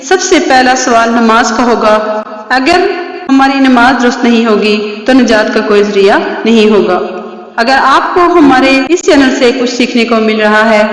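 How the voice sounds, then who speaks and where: A woman teaching Quran recitation, explaining calmly and chanting phrases slowly with drawn-out vowels. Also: a little high. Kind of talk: recitation lesson. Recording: echoey reverberant room.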